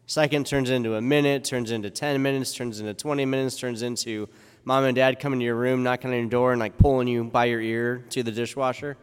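A man's voice: mid-range voice, level tone, fairly quick, clean tone. Man preaching in a cathedral-like echo. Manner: rhetorical questions, informal asides. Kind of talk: Gospel reading and conversational homily. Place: large echoing church interior. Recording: cathedral-like echo, long hall reverb.

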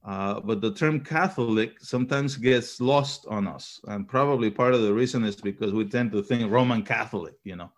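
Addressing a church gathering, a fairly low-pitched man gives an earnest reflection, pausing often on fillers. He is a seminary professor in his fifties, raised in Chile and Panama, who speaks English though his first language is Spanish.

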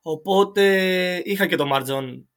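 A man chatting casually as a podcast co-host, thinking aloud with many pauses and fillers. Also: a little high, bright, forceful tone. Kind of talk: casual basketball chat.

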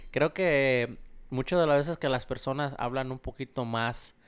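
A man's voice: medium pitch, normal speed, clean tone. A man with a Mexican accent, chatting casually and jokingly on a podcast, with loose phrasing and lots of slangy fillers. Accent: Mexican Spanish. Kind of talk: casual chat.

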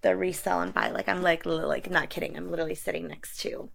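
A woman's voice: on the low side, fairly even intonation, fast, gravelly. A woman co-hosting a podcast from a room at home, chatting casually with lots of fillers. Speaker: podcast co-host. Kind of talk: casual chat.

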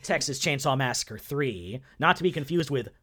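A man's voice: mid-range voice, animated, moderate pace, bright, forceful tone. Rambling laid-back podcast man. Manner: rambling, self-correcting, laughs often. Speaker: podcast co-host. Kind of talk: casual chat.

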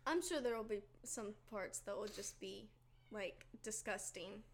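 A woman in her twenties co-hosting a podcast, talking in a hesitant, halting way with small giggles. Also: medium pitch. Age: 20s. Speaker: podcast co-host. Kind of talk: casual chat.

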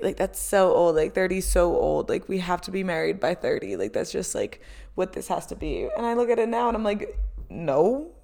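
Chatty gravelly woman in her twenties. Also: fairly low pitch, a little mellow. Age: 20s. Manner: chatty, lots of "um" and "like", laughs often. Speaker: podcast host. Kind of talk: casual solo chat.

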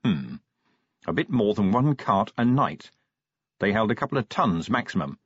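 A man voicing a gruff, weary middle-aged watch commander who speaks brusquely and matter-of-factly. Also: on the low side, very animated, moderate pace, fairly bright tone, no room sound, full character voice. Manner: brusque, dry, matter-of-fact. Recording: dull dry studio recording.

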